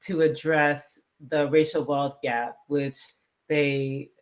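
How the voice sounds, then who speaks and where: A host of a live discussion show, speaking in a measured way and framing questions at length. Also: mid-range voice, little pitch movement.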